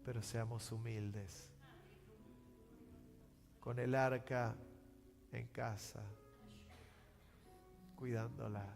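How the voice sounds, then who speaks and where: Argentine pastor preaching slowly in a reverberant church. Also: male voice, mid-range voice, little pitch movement, gravelly. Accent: Rioplatense Spanish. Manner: swings from loud acted outbursts to hushed slow pleading. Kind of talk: sermon. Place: church sanctuary. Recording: church hall reverb with music.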